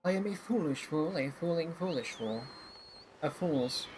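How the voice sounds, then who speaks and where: A man streams a video game with casual, rambling commentary. He talks in a self-deprecating way, with game music clearly behind him. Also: on the high side, lively intonation, measured pace, a little mellow, a little hiss or hum.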